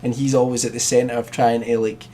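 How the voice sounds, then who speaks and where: Young man, casual podcast co-host, rambly and giggly, mid-pitched voice with light background hiss. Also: little pitch movement, fairly quick, warm tone. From Scotland. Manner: laughs often, rambling with fillers. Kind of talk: casual chat.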